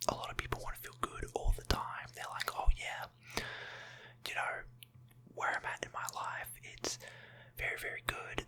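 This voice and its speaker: A person giving an informal, encouraging motivational pep talk in an ASMR whisper. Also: pushed and bright. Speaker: ASMR motivational content creator.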